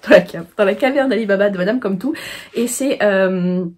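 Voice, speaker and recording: A woman from France hosts her own knitting video, talking to the camera at home. She rambles loosely, full of fillers and restarts, in a middle-pitched voice. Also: normal speed, darkish tone. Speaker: knitting podcast host. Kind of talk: casual chat.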